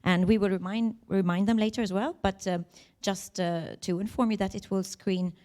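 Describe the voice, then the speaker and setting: A woman hosting a live-streamed festival interview in a cinema bar, chatting in a relaxed, welcoming way. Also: medium pitch, moderate pace. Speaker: festival talk host.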